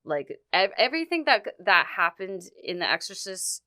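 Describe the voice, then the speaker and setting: A young woman, a podcast guest, telling a story in a halting, earnest way full of restarts. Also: medium pitch, big pitch swings, bright, forceful tone, dry recording. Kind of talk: casual storytelling.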